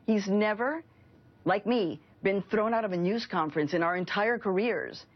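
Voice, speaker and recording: A woman's voice: medium pitch, normal speed, highs cut off. Earnest woman journalist from Mexico. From Mexico, raised in Chicago. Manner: earnest and impassioned. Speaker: journalist panel guest. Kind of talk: cable news panel discussion.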